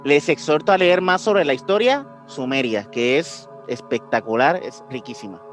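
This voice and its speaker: Over background music, a Puerto Rican-accented man talks through explanations on his podcast in a loose, slangy style full of repeated phrases. His mid-range voice carries lively intonation at a normal speed.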